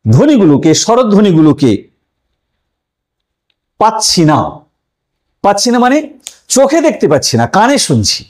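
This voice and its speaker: A man's voice: sits high, darkish tone. A male teacher explaining a language lesson. He asks questions and then answers them himself, stresses key words and addresses the viewers as friends.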